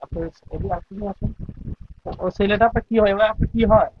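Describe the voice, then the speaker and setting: High-voiced religious healer preaching. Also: male voice, steady tone, a little fast, narrow, tinny audio, background noise. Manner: formal religious address with Arabic blessings. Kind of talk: questioning then preaching to viewers.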